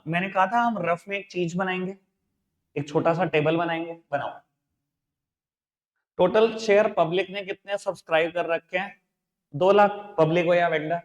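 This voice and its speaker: A man teaching accountancy in a classroom lecture. He dictates entries slowly, mixes English terms with an Indian accent, and coaxes his students as beta and babu. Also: fairly high pitch. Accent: Indian English mixed into Hindi. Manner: addresses students as beta and babu, coaxing and repetitive.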